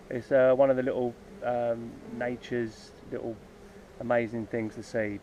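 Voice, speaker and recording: Standing beside his hives, a man who keeps bees as a hobby and films videos talks off the cuff about his plans, often stalling with ums and starting sentences over. He has a medium-pitched, somewhat dark voice. There's slight background noise, and the lo-fi outdoor audio sounds dull, with a faint hum of insects.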